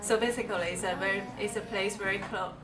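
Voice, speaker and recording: A woman from China talks earnestly and haltingly, as if sitting for a documentary. Her voice is mid-pitched and a little distant from the mic. Music plays under it in an echoey room. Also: steady tone. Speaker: interviewee. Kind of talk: documentary interview.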